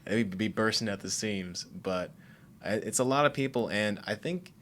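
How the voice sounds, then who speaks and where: A man with a very low voice talks through his thoughts on a casual faith podcast, circling back with lots of fillers. There is a faint hiss of noise behind him. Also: normal speed, fairly bright tone. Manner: rambling, thoughtful, many fillers. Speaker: podcast co-host.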